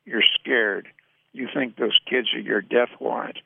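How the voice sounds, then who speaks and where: A man voicing a blunt, weary male soldier comrade who speaks quietly and cuttingly, on a tinny radio recording. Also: medium pitch, steady tone, a little slow, vocal fry, breathy edge, exaggerated voice. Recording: tinny narrow radio sound.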